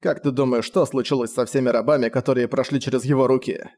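A man doing a sullen, flat-voiced young man. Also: mid-range voice, fast talker, natural voice. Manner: flat, expressionless, curt.

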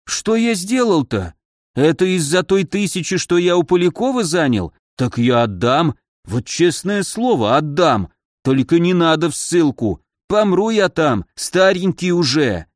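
A man's voice: fairly high pitch, sing-song, unhurried, no room sound, clean studio sound. A man voicing a fussy, scolding old male boyar in an audiobook, whining and dramatic.

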